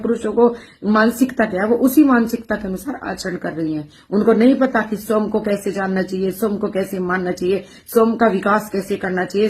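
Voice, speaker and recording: A woman educator speaking passionately in a monologue, forceful and rhetorical, repeating her phrases for emphasis. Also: mid-range voice, slight background noise. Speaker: educator and social media speaker. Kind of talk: impassioned monologue to camera.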